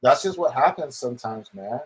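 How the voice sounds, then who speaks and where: A man's voice: mid-range voice, expressive, moderate pace, slightly rough, low-quality recording. A man delivers a casual opinion rant in the manner of an online commentator. He rambles along, leaning often on little verbal tics.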